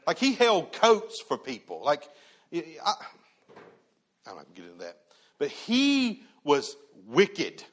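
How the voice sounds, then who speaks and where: A man preaching a sermon to his church, animated, asking rhetorical questions and dropping from loud bursts to hushed tones. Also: a little high, takes it slowly. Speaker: pastor.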